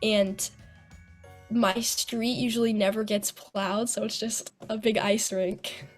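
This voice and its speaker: A woman's voice: mid-range voice, fairly even intonation, slow, faint music behind. A teenage girl from the United States, answering interview questions earnestly, some answers sounding prepared. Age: teens. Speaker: young composer guest.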